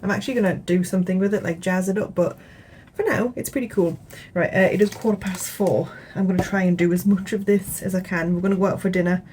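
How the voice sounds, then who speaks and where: A young British woman giving a relaxed, rambling crochet tutorial at home, chatting casually with plenty of fillers. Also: fairly low pitch, fast talker, hardly any pauses, a little hiss or hum, poor audio. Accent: British English. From England. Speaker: crochet vlogger. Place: home, indoors.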